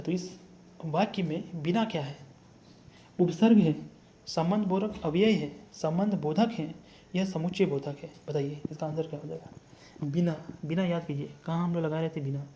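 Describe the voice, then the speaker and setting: A mellow-voiced man works through exam questions as a teacher. He thinks aloud, repeats each answer several times and keeps asking the class. A faint hiss sits under his voice. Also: a little high, normal speed. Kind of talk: explaining a mock test.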